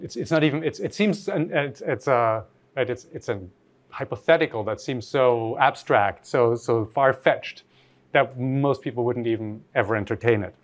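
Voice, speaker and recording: A man from Austria giving an academic lecture, reflective and posing rhetorical questions to his audience. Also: medium pitch.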